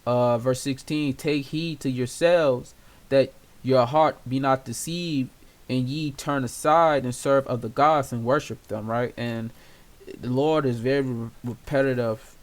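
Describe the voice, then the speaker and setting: Slow, casual man teaching scripture. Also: mid-range voice, fairly even intonation. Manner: casual and conversational, many fillers and "you know"; reads scripture aloud in old-style wording. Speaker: Bible teacher. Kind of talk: informal Bible study reading scripture.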